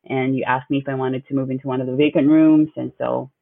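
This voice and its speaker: This young graduate student from the Philippines talks fast in a gravelly, mid-range voice with a flat delivery. Answering casual interview questions, he hesitates often and uses many fillers, and the recording is dry and tinny, like a phone line.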